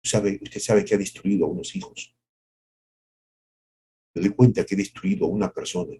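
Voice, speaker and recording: In this devotional sermon, a middle-aged pastor asks rhetorical questions and acts out quotes, sliding from gentle, lingering phrases into sudden high outbursts. His tone holds steady, with a slightly rough texture.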